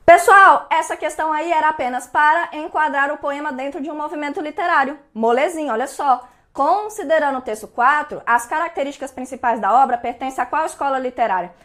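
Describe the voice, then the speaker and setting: Quick and bright, with few pauses, this high female voice carries a Brazilian Portuguese accent. The speaker is reviewing exam answers in an online prep class, keeping things conversational and often asking how her students are doing.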